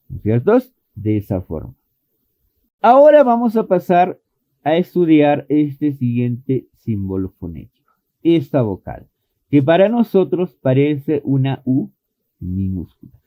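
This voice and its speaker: Male pronunciation teacher, slightly high voice, slow and deliberate, demonstrates sounds by repeating them, dry tinny recording. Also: no room sound. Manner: explains patiently and repeats vowel sounds as demonstrations. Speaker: English phonetics teacher. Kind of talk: online pronunciation lesson. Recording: thin phone-like dry audio.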